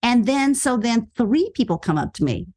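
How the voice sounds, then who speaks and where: A middle-aged actress telling a story in a casual interview, acting out quoted lines with sudden jumps in pitch. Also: female voice, big pitch swings, moderate pace, darkish tone. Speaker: actress and podcast guest.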